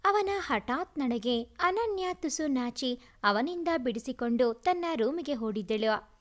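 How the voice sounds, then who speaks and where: A woman with a high-pitched voice narrates a storybook aloud. Her reading is expressive and emotive as she carries the story along.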